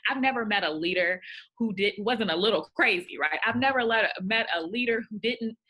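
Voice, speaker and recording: A woman's voice: medium pitch, brisk, pushed and bright. A young adult woman from Houston, a career coach speaking as a podcast guest, upbeat and emphatic, laughing easily. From Houston, Texas. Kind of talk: interview conversation.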